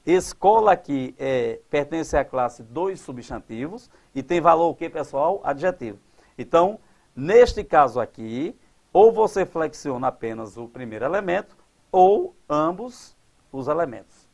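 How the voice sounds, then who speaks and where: A man teaching grammar at a board, quizzing his class and drawing out example words slowly. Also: fairly high pitch, very animated, a little mellow. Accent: Brazilian Portuguese. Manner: didactic, asks the class questions and answers them.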